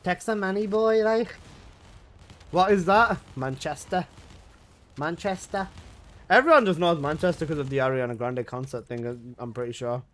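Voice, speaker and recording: A young man banters with his live chat while he plays. His slangy, laid-back talk sits in a slightly higher register, and he is recorded from his room at home. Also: moderate pace, a bit bright. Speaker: gaming livestreamer. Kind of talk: casual live-stream chat.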